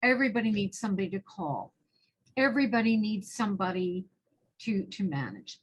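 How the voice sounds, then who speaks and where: A woman's voice: mid-range voice, a little fast, breathy edge, low-quality recording. A woman speaking as a panelist on a webinar, earnest and conversational, telling anecdotes over a video call. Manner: earnest, tells anecdotes with lively quoted dialogue. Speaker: panelist, early childhood educator.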